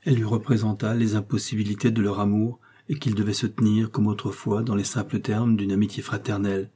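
Male audiobook reader, measured and expressive, low dark voice. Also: breathy edge. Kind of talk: literary narration.

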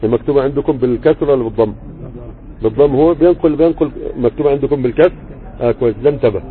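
Over tinny, phone-like audio, a religious teacher with an Egyptian Arabic accent gives an online grammar lesson in a mid-range, rapid-fire voice. He reads a passage, discusses it casually and keeps confirming his students understand.

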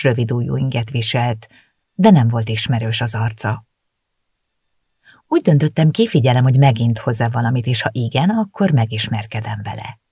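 A woman narrating a novel in the first person, measured and lightly ironic. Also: very deep voice, darkish tone, slightly rough, no room sound, clean studio sound. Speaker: audiobook narrator. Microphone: close studio mic.

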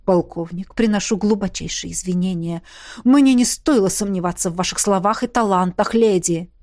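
A woman's voice: mid-range voice, normal speed, darkish tone, dry recording, clean studio sound, natural voice. A woman voicing a smug, scheming male fairy captain whose speech drips with sweet venom. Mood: smug sugary. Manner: sugary, hissing.

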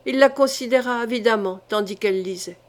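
Woman, audiobook narrator, fairly high voice, measured, dramatic reading of a historical novel. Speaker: audiobook reader.

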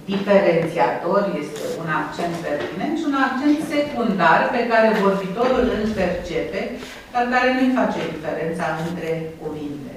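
A university lecturer giving a Latin lesson who explains patiently, slows down to sound out examples, and checks in with the class. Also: mid-range voice, slight background noise. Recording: very echoey room recorded from a distance.

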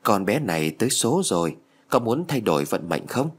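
Brief: cruel mocking shadow demon, read by a man, husky, low-pitched. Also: sing-song, normal speed. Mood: menacing. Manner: threatening, scornful.

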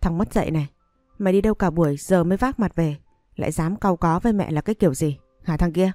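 A woman voicing a sharp-tongued, abusive middle-aged mother who hurls insults at her son in a storybook reading. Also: fast, no echo, clean studio sound, faint music behind, close to an everyday voice. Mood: scolding. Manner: shrill scolding insults.

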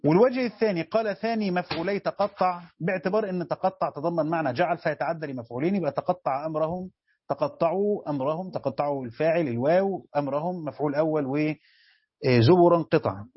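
A man's voice: fairly high pitch, quick pace, breathy edge, no echo. A man with an Egyptian accent teaching Quran commentary as a sheikh, quizzing his students and repeating key phrases. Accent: Egyptian Arabic. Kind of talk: classroom lesson with questions to students. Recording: dull lo-fi recording.

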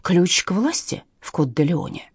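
A woman's voice: fairly low pitch, big pitch swings, moderate pace, breathy edge, no room sound, studio quality, full character voice. Woman reading as a pompous old professor. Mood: lecturing. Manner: solemn, lecturing. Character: elderly male professor, pedantic lecturer.

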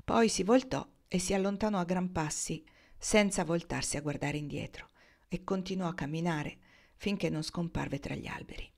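Woman calmly reading a novel aloud. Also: on the low side, moderate pace, creaky. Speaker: audiobook reader.

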